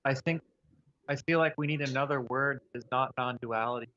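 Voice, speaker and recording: A man calling in on speakerphone, speaking thoughtfully and haltingly as he searches for his words. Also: mid-range voice, pushed and bright. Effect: speakerphone call. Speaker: caller. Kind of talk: casual call-in conversation. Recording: muffled speakerphone line with faint hiss, cutting out.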